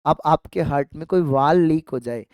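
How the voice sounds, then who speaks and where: A biology teacher runs an exam-prep lesson, asking the class questions and answering them, then repeating key terms as drills. The voice is smooth and clear. The sound is dry and close, with no room echo. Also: medium pitch, normal speed, darkish tone. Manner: asks students rhetorical questions and answers them; calls students affectionately "child" and "dear kids".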